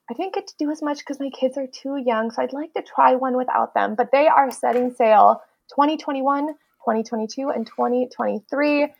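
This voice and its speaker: Host: upbeat woman, high voice with a gravelly fry, relaxed chat. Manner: upbeat, conversational. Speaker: podcast host. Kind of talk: casual podcast chat.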